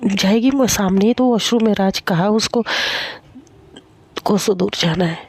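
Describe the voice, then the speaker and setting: A woman's voice: mid-range voice, a little slow, a little mellow, husky. A woman voicing a bold, teasing schoolgirl.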